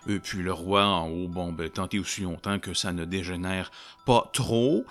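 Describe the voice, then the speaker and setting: A man with a Québécois French accent narrates a solo tabletop roleplaying game, addressing his audience in an animated, jokey way. His voice is deep and his pace moderate.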